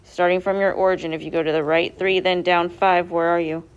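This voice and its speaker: A woman's voice: on the low side, level tone, a little fast, smooth. A woman teacher going over quiz answers step by step in a classroom, asking her students questions as she goes. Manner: patient, step-by-step, quizzes students. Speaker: math teacher.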